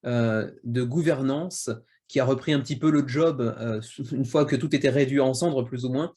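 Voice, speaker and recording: A man's voice: medium pitch, normal speed, mellow. A man hosting a board game channel, talking casually through crowdfunding projects with lots of fillers and restarts. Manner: rambling, full of fillers and restarts. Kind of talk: casual video review narration. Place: home in Japan.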